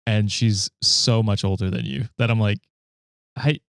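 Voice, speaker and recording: A man's voice: lowish voice, measured pace, vocal fry, fairly bright tone, clean tone, no echo, studio quality. A man co-hosting a casual podcast, teasing the others and laughing often. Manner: giggly, teasing. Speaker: podcast co-host. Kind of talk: casual chat.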